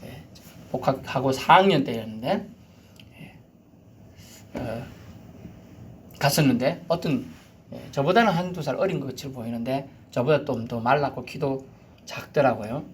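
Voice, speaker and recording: A man preaching a sermon, swinging from loud shouted commands down to near-whispers. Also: mid-range voice, moderate pace, long pauses, slight background noise. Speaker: pastor.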